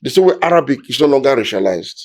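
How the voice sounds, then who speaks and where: A Nigerian man with a Nigerian accent explains history in a discussion, emphatic and lecturing, building his points step by step. His medium-pitched voice is sing-song and darkish, and he talks fast.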